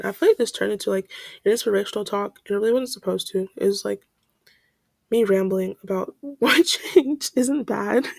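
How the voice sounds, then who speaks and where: A woman's voice: mid-range voice, vocal fry, a little mellow, dry recording. A young woman hosting her own podcast from home, rambling in a scattered, self-deprecating way with frequent laughs and a stuffed-up nose. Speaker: podcast host. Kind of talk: casual rambling monologue. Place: bedroom. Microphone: home mic.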